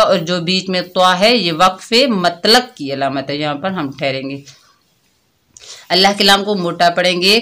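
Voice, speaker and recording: A woman teaches an online Quran recitation lesson, going through the rules one word at a time. She explains each rule patiently and often asks her listeners checking questions. When she reaches an example word, she recites it slowly and draws it out. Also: lowish voice, a bit bright.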